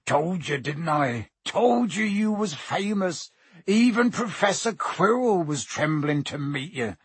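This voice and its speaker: A man's voice: high-pitched, expressive, slow pace, husky, no room sound, pitched above the performer's own voice, exaggerated voice. Man doing a hearty, folksy giant. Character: huge, jovial giant groundskeeper, rustic.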